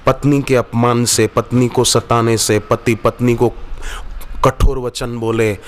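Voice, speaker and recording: A man's voice: mid-range voice, flat delivery, slow. A man giving a devotional sermon at an ashram gathering, quoting Sanskrit verses and acting out bits of dialogue as he tells stories. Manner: storytelling, quotes Sanskrit verses, acts out dialogue. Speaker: spiritual teacher.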